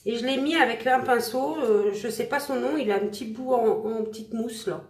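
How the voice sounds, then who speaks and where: A woman's voice: on the high side, moderate pace, roomy sound. Chatty, self-mocking woman doing makeup. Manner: chatty, self-mocking, talks to viewers while applying makeup. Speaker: makeup vlogger. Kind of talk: casual makeup tutorial livestream.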